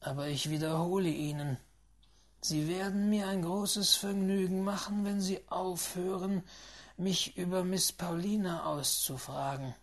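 Reader voicing a hushed, grave Englishman. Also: medium pitch, steady tone. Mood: stern. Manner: hushed, half-whispered, measured delivery. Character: reserved, earnest Englishman, grave and stern. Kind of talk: audiobook reading.

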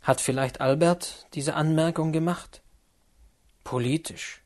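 A man voicing a brooding, passionate young man in an audiobook, low and sarcastic. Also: fairly even intonation, slow, a little mellow. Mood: bitter. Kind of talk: audiobook character reading.

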